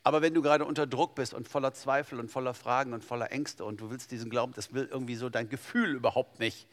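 A man's voice: mid-range voice, quick pace. Preaching man in a reverberant hall. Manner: lively preaching, swings from loud to hushed. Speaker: pastor. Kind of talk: sermon. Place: church hall.

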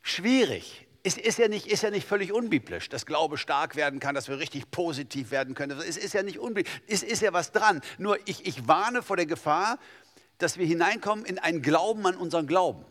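A man preaching a sermon to his congregation, swinging between loud, emphatic bursts and quiet, hushed passages. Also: fairly high pitch, expressive, brisk. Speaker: pastor. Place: church hall. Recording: long hall reverb.

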